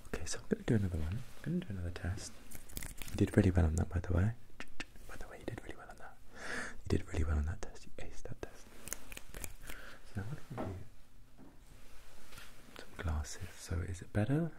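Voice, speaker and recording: A man doing a whispered role-play as an ASMR performer, repeating instructions and questions as he shifts between whisper and soft low voice. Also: big pitch swings, fast, creaky. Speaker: ASMR performer giving mock eye tests.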